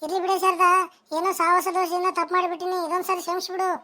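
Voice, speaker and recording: Woman voicing a cheating cartoon husband, north karnataka kannada accent, squeaky high and rushed. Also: little pitch movement, bright, forceful tone. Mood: pleading. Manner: wailing then begging. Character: pleading middle-aged village husband caught cheating.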